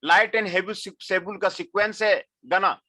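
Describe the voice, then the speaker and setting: Middle-aged male lecturer, high and bright, unhurried, repetitive delivery, dry close sound. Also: steady tone, no echo. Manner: mixes Hindi and English, repeats phrases, frequent filler "aapko". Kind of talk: classroom lecture.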